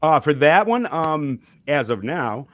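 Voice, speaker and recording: A man of medium pitch talks about his music in a loose, rambling way, breaking off and restarting his thoughts and laughing lightly. The sound is dry and close, with no room around it. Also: sing-song, slow, no echo. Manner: rambling, chuckling, frequent restarts. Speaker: musician guest. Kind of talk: casual interview talk.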